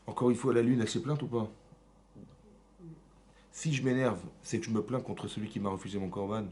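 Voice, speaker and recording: A man teaching a Torah class in a synagogue, lively and often checking in with his listeners. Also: fairly low pitch, fairly quick, slight background noise. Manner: lively, asks frequent check-in questions, mixes Hebrew terms. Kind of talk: animated Torah lesson with questions to the audience.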